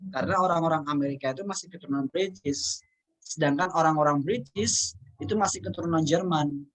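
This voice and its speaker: Male teacher, patient casual lesson delivery, repeats key words, slows down for examples. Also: a little high, rough recording. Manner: reads English examples out slowly. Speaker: English teacher.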